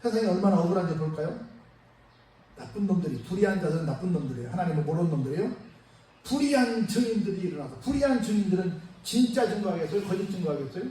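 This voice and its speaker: A man with a high voice preaches a Sunday sermon, chatty and animated, peppering the congregation with questions. The sound is heavily echoey, as if caught from across a big church hall. A faint hiss sits under it. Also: quick pace, far from the mic. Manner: lively, conversational preaching with rhetorical questions. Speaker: pastor. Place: church sanctuary.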